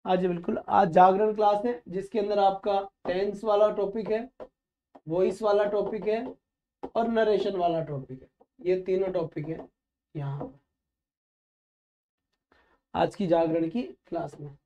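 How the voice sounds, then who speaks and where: A male teacher runs a live online vocabulary lesson, firing questions and answering them himself in a steady drilling rhythm. His voice has a mellow, soft-edged warmth. The stream audio sounds dull and lo-fi, with the highs rolled off. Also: a little slow, pauses often. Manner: calls students "beta", friendly and instructive.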